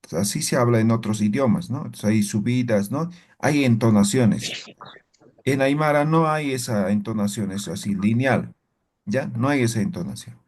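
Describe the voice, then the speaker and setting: Male teacher, classroom lesson, patient explaining, keeps asking "right?", mid pitch. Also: normal speed, a little mellow. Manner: explanatory, frequent tag questions. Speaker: language teacher.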